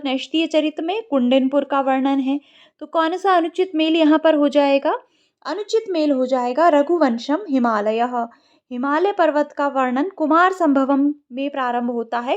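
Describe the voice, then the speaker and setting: High-voiced woman teaching Sanskrit. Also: muffled recording. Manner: patient, repeats words slowly to model pronunciation. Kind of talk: exam-prep lesson.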